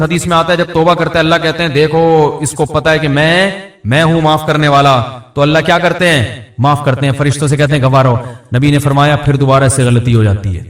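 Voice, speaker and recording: A man's voice: a little high, echoey room, recorded from a distance. A man with a Pakistani Urdu accent giving an informal sermon, chatting, joking and acting out the voices of people in his anecdotes. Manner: conversational, joking, acts out dialogue. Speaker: Islamic preacher.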